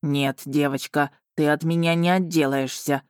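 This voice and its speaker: A woman voicing a gruff, self-assured male dragon guardian, speaking low and slow in a mocking way. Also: steady tone, dry recording, studio quality, natural voice. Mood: steady, commanding.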